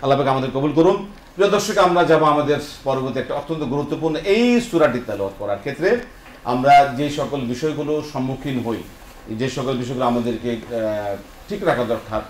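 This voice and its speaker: A man's voice: mid-range voice, animated, slight background noise. A man teaching Quran recitation in a TV studio, patiently drilling pronunciation for a class. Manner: patient, repeats words slowly for a class to echo. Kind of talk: studio lesson, call-and-response drilling. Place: television studio with students.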